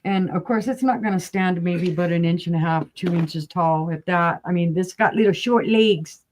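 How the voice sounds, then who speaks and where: A woman's voice: lowish voice, normal speed, a little mellow. A woman hosting a live-stream vintage glass auction, chatting casually and describing each piece with asides. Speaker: online glass auction host.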